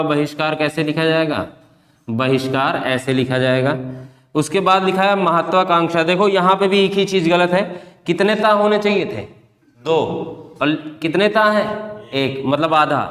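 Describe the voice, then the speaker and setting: A man's voice: fairly high pitch, fairly bright tone. A man teaching a spelling class for exam preparation, repeating each word, asking his students questions and calling them affectionately by pet names. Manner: addresses students fondly as beta and bhaiya. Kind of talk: exam-prep class lecture. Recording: echoey classroom with long reverb.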